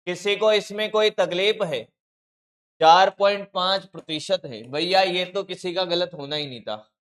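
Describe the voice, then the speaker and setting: A man teaching a live online practice class, scolding and coaxing his students in a brisk, familiar way. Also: high-pitched, fairly bright tone.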